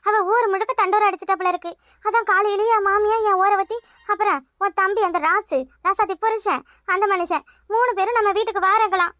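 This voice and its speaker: A fretful young daughter, voiced by a woman, in a village cartoon, whining and complaining in a Kanyakumari Tamil accent. Her voice sits very high and bright. It is recorded close and dry, with no room sound. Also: dry recording. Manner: whiny, fearful complaining. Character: anxious young pregnant daughter, timid and fretful.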